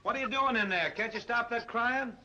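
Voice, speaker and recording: An actor playing an easygoing young cab driver with a breezy, coaxing way of talking, on a dull old 1930s film soundtrack. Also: male voice, very high voice, a little fast, very noisy.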